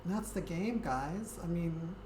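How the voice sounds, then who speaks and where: Her voice low, soft and friendly, a woman streams on Twitch and talks casually to her viewers, hesitating with frequent ums. The room gives her voice an echo, and a steady background noise runs underneath.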